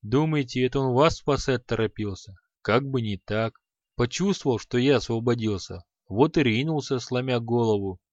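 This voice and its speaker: A man's voice: medium pitch, moderate pace, a little mellow, no room sound, close to an everyday voice. A chained demon grumbles and mocks in a sardonic drawl , as a man reading an audiobook plays him. The recording is dry and a little dull. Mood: sarcastic. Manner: sarcastic, mocking.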